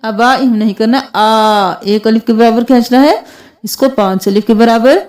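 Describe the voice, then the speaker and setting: A woman teaching a tajweed reading lesson. She draws each recited word out slowly, then spells out the letters in quick plain explanations. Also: a little high, fairly even intonation, darkish tone.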